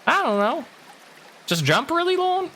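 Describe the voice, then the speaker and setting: A man voicing a grumpy, selfish little blue bird that talks high and snippy. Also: big pitch swings, a little slow, bright, forceful tone, slight background noise, exaggerated voice. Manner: snippy, dismissive.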